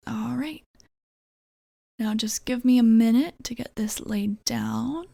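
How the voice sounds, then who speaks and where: A woman playing a flirty, reassuring tattoo artist in a soft, casual ASMR role-play, slightly bashful and gently teasing. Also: fairly high pitch, slow pace, gravelly, dry recording, heavily acted. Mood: soothing, reassuring.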